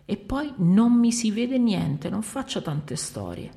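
A woman voicing a brash, bearded male porter who talks loud, teasing and impudent. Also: medium pitch, big pitch swings, slow pace, creaky, pitched above the performer's own voice, exaggerated voice. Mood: cheeky.

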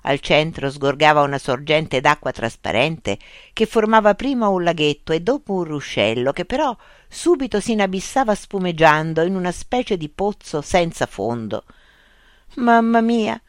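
A narrator reading a children's adventure story aloud in a lively, expressive way. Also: medium pitch, normal speed, hardly any pauses, dry recording, studio quality.

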